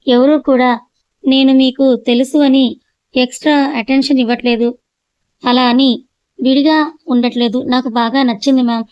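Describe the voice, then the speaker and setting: A woman's voice: sits high, normal speed, pauses often, clear, resonant tone, no room sound, highs cut off, close to an everyday voice. A woman voicing an eager, admiring young woman assistant in an audio story. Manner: eager, flattering.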